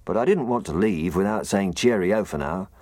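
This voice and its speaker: A man voicing a gruff, chatty male snowman in a storybook reading. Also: sits low, expressive, moderate pace, no echo, clean studio sound, pitched above the performer's own voice. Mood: friendly. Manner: loud, friendly, fussing.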